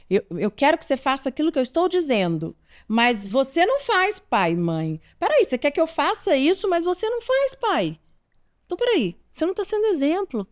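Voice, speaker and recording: A Brazilian woman in her forties talks straight to her audience about raising children. Her voice sits a touch high, and she is earnest and emphatic. She drives each point home by repeating it. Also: a little mellow, clean tone. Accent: Brazilian Portuguese. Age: 40s. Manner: earnest, emphatic, repeats key advice, addresses listeners directly. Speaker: parenting advice host. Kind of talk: direct-to-camera advice talk.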